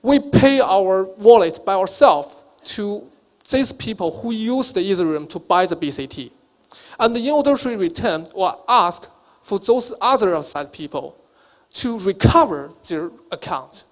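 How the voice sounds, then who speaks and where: A man with a high-pitched voice gives an unscripted explanation as a company representative. His delivery is extremely slow. The phrasing is halting and non-fluent, built piece by piece. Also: animated, low-quality recording. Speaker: company representative speaking at meetup.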